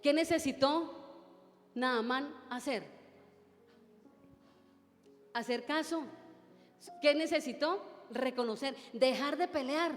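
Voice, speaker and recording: A woman's voice: sits high, a little slow, in a large hall, faint music behind. A woman preacher, delivering an emphatic sermon full of repetition and rhetorical questions. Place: church.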